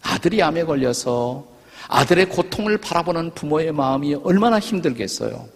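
Gravelly older pastor preaching in an echoing hall. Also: male voice, fairly high pitch, animated, moderate pace. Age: 60s. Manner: earnest storytelling preacher. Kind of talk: sermon. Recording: long reverb of a large church hall.

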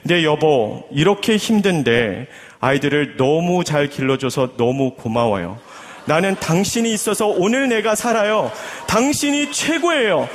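A man's voice: fairly high pitch, animated, measured pace, in a large hall, a little hiss or hum. A man doing a doting, sympathetic husband. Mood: fervent. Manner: gentle, soothing, then fervently grateful. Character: doting, sympathetic husband comforting his wife.

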